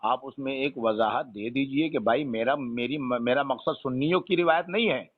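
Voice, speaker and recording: Speaking by telephone on a narrow, tinny connection, a male caller pushes his questions and urges persistently, argumentative yet polite. His voice is mid-range and moderately paced.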